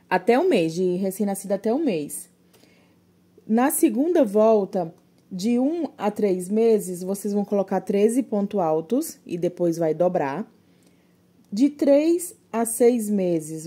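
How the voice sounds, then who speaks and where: A woman's voice: mid-range voice, dark tone, husky. A woman teaching crochet step by step, patiently counting stitches aloud and a little short of breath.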